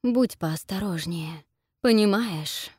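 A woman's voice: mid-range voice, darkish tone, husky, dry recording, clean studio sound. A hissing Gorgon, as a woman reads her. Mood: grave warning. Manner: slow seductive whispered hiss. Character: hissing female Gorgon, dangerous yet protective. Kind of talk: audiobook reading.

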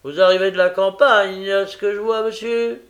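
A man's voice: sits high, steady tone, normal speed, fairly bright tone, voice pushed up. A man reading an audiobook, voicing a sly, scheming old male crook with a wheedling, oily politeness. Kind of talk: audiobook character voice.

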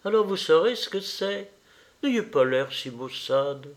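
A man reading an audiobook, voicing a young woman in love with a raised, lively voice. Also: on the high side, unhurried, voice pushed up. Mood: tender.

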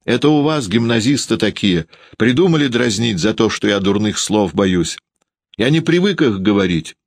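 A man's voice: fairly low pitch, expressive, moderate pace, no echo, pitched above the performer's own voice. A man voicing a shy but stubborn teenage schoolboy. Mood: defensive.

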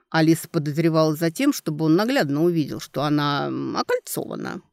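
A woman narrating an audiobook in an expressive, animated reading. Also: on the low side, no room sound, studio quality.

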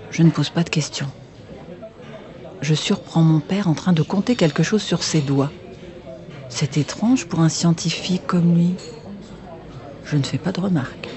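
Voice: medium pitch, dark tone. A reader telling a children's bedtime story in the first person as a child, with confiding asides to the listener.

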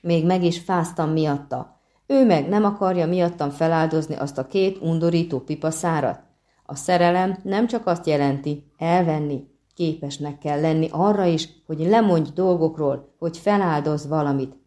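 A woman doing a shrill, indignant siren. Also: warm tone, lightly acted. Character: haughty petulant female siren, sea creature. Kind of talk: audiobook reading.

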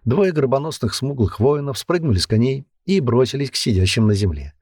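A man reading an adventure story aloud in a steady, storytelling manner. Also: medium pitch, brisk, no echo, clean studio sound. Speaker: narrator. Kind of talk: audiobook narration.

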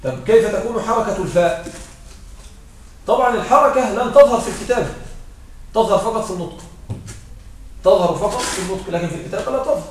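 High-voiced male teacher in an echoey room. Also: fast, long pauses, a little hiss or hum. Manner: explains patiently, repeats points, checks understanding by asking a student. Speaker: Arabic morphology teacher. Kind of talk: classroom lesson. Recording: very echoey room, voice heard from far off.

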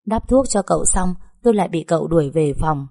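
A young woman narrating a story in the first person, lively and chatty. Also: deep voice, brisk, gravelly.

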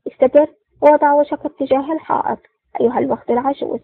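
A woman's voice: high-pitched, fairly even intonation, racing, no echo. A woman reading a cool, mocking male spy hero. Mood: cold. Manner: cold and sarcastic. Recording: dry, tinny phone-like sound.

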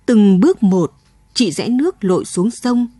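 A woman narrating a late-night radio ghost story in a slow, sorrowful reading. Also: mid-range voice, animated, dark tone, dry recording.

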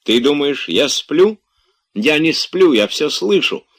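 A man voicing a sleepy, irritable nobleman in an audiobook, drowsy and peevish, rising in pitch when indignant. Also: sing-song, slow pace, a bit bright, exaggerated voice.

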